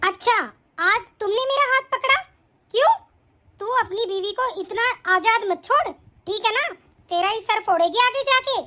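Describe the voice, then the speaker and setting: A woman voicing a spiteful, bossy older mother-in-law in an animated family drama, with taunting lines. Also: extremely high pitch, moderate pace. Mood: angry.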